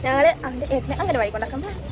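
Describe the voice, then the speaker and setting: A woman with a high voice talks casually to her viewers and coaxes a small child in a sing-song tone. The recording is noisy, with traffic and outdoor sounds around her. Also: expressive, rapid-fire. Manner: coaxing sing-song talk to a toddler. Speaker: vlogger and mother. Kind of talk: casual family vlog talk.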